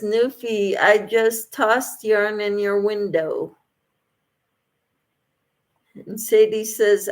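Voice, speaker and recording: A woman with a mid-range, darkish-toned voice hosts a casual livestream. She reads out viewers' comments and responds to them encouragingly.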